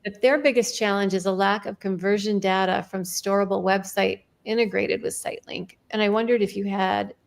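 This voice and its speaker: A woman's voice: medium pitch, steady tone, moderate pace, creaky, hardly any pauses. A woman moderating a business webinar, politely relaying audience questions.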